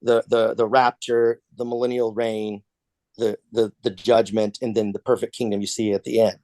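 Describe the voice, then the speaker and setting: A man's voice: on the low side, little pitch movement, moderate pace, darkish tone, no room sound. A man leading a casual church class discussion over a video call, talking conversationally with frequent restarts.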